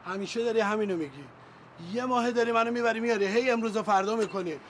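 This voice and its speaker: A man's voice: high-pitched, slight background noise, close to an everyday voice. A man playing a stubborn unpaid driver. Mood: insistent. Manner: insistent, pleading and protesting. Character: stubborn unpaid male driver demanding wages. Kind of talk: TV series acting.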